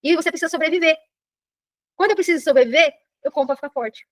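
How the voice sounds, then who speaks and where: Brazilian lady coach, talks super fast, keeps asking "entendeu", dry close sound. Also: sits high, no echo. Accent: Brazilian Portuguese. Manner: animated, keeps checking in with "entendeu?". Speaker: personal development coach. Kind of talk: live online class talk.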